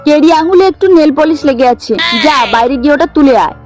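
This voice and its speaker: A woman's voice: high voice, quick pace. A woman acting out a bossy class monitor in a comic sketch, scolding and threatening classmates. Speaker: comedy sketch creator. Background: music.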